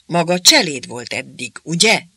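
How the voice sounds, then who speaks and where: Officious young interpreter, voiced by a male reader: sneering, preachy, bright and cutting tone. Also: a little high, very animated, husky, dry recording, studio quality, exaggerated voice. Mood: falsely friendly. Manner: mocking, then falsely friendly and preachy.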